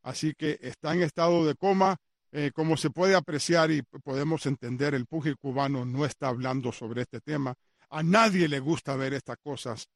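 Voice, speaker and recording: A man's voice: on the high side, normal speed, no room sound, studio quality. A man hosting a sports radio show, chatty and repetitive, with frequent hesitant fillers. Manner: chatty, repeats details, many fillers. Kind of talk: casual radio sports commentary.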